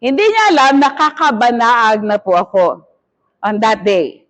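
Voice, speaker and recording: A middle-aged woman bishop preaching a testimony sermon, telling her story with lively acted-out quotes. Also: fairly high pitch, unhurried. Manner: animated storytelling that mixes Tagalog and English, with acted-out quotes.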